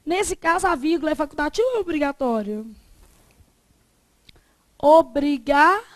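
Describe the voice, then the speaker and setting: High voiced lady teacher going over grammar, keeps quizzing the class, dry sound. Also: moderate pace, no echo. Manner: lively, asks the class questions and answers them herself. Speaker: Portuguese teacher. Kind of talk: grammar lesson at a board.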